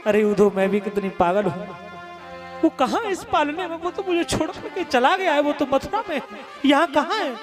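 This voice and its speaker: A man's voice: very high-pitched, animated, moderate pace, voice pushed up. A male storyteller voicing an aged, heartbroken mother who dotes on her little son, in a plaintive sing-song way. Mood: grieving. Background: instrumental music.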